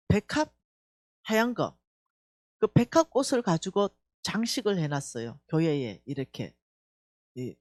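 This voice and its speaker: Woman, Gyeongsang Korean accent, church testimony speaker; lively, swooping delivery; acts out dialogue; dry close sound. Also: medium pitch, no room sound. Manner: animated storytelling, acting out dialogue. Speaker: church staff member giving testimony. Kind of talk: emotional revival testimony.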